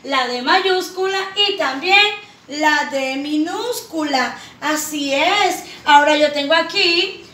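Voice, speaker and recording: A woman teacher leads a reading lesson for small children in a very high, bright voice. She speaks extremely slowly, drawing out each syllable and lovingly addressing her pupils. Her voice rings in an echoey room, picked up from a little away from the mic. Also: recorded from a distance. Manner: slow, drawn-out syllables, affectionate address to pupils.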